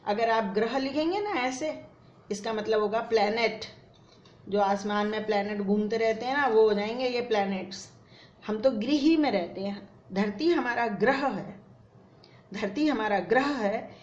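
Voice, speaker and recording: A woman's voice: medium pitch, moderate pace, darkish tone. A woman teaching a Sanskrit lesson, patiently explaining and repeating word forms in drills, dropping English words into her explanations. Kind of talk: classroom lesson at a board. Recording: echoey room, dull lo-fi sound, faint noise.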